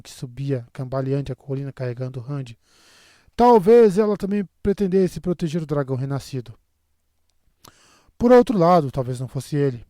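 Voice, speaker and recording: A man with a Brazilian Portuguese accent reading an audiobook in a steady, measured way. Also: a little high, no room sound, studio quality. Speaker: audiobook narrator. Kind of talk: audiobook narration.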